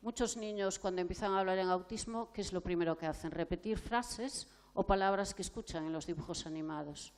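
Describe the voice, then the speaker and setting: A woman's voice: on the low side, fairly quick, hardly any pauses. A woman clinical psychologist from gives a conference lecture, explaining points and asking the audience rhetorical questions. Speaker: clinical psychologist giving a talk.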